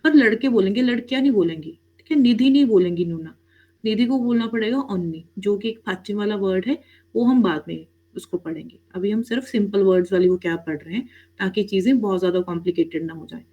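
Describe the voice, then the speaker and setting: A woman's voice: medium pitch, fast talker, dark tone, muffled recording. A woman teaching an online Korean language class, who mixes in English words and keeps checking with her students. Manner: addresses students as "beta", frequent "theek hai?" checks.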